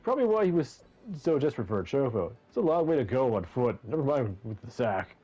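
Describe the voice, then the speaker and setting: A man's voice: medium pitch, very animated, fast, dark tone, highs cut off. A man voicing a shady, pushy food peddler in a fantasy game, with hammy, offhand bad acting. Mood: offhand, gossipy. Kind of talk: amateur dramatic game dialogue read-along.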